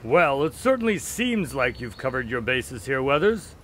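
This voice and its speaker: A man playing an eager, talkative doctor who is a detective's sidekick in an audio drama, animated and keen to explain. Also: medium pitch, moderate pace, slight background noise. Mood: speculating.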